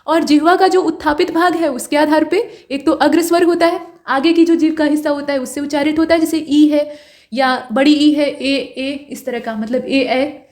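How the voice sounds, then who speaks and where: A woman teaching an online exam-prep grammar class, patiently explaining and slowly sounding out vowels and letters as examples. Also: high-pitched, steady tone, a little mellow. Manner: explains patiently, checks understanding with "ठीक है".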